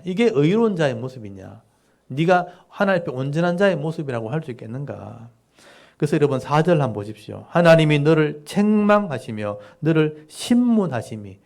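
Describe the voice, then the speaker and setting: A man's voice: medium pitch, a little mellow. A male pastor preaching a sermon in a church, explaining scripture emphatically with rhetorical questions. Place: church sanctuary.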